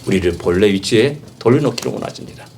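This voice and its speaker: Pastor guy preaching, pitch jumps all over, goes quiet then loud, lots of rhetorical questions, faint hiss behind. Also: lively intonation, fast talker, creaky. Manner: emphatic, swings from soft to loud shouted exhortation; rhetorical questions and repeated phrases. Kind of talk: sermon.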